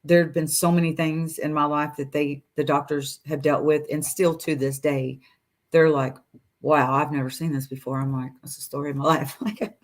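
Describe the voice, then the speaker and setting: A woman's voice: deep voice, little pitch movement, normal speed. A woman in her forties, a guest on a video call interview, telling her story casually and acting out what her doctors said, with laughs between phrases. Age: 40s. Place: room at home.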